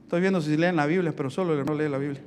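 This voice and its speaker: A male pastor preaching a sermon in a church on a handheld microphone, joking in quiet asides and then building to shouted preaching. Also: on the high side, fast talker, a little hiss or hum.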